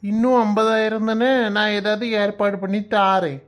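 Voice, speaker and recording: A woman voicing a patient, middle-aged village husband and father who tries to calm his wife in an animated comedy. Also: mid-range voice, normal speed, lightly acted. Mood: placating. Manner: soothing, pleading.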